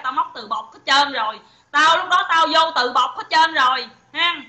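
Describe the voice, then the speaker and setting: A woman's voice: high-pitched, roomy sound. A woman with a Southern Vietnamese accent, ranting profanely and taunting her listeners on a phone livestream. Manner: profane, taunting, shouting insults. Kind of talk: angry livestream rant.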